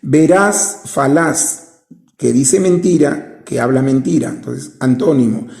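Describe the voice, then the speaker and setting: A male teacher speaks slowly, with a gravelly, dark tone. He keeps stopping to ask rhetorical questions. The sound is echoey, as if recorded in a bare room. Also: medium pitch. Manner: slow, drawn-out, asks rhetorical questions. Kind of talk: recorded lesson.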